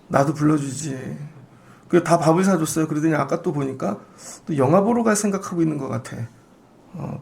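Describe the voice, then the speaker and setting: A man's voice: a little high, creaky, a little mellow. A man pastor giving a conversational Friday prayer sermon, acting out the voices of the people he quotes. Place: church sanctuary.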